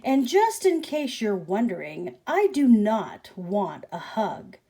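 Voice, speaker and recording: A woman reading as a yelling grumpy cactus. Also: mid-range voice, very animated, slow pace, full character voice. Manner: yelling, gruff. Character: grumpy male cactus who wants to be alone. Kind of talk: picture book read-aloud.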